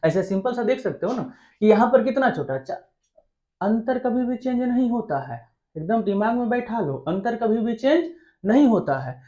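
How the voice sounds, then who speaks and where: A man's voice: extremely high pitch, lively intonation, normal speed, mellow, highs cut off. A man teaching an exam-prep math lesson. He keeps asking the class questions and answering them himself in a chatty, coaxing way.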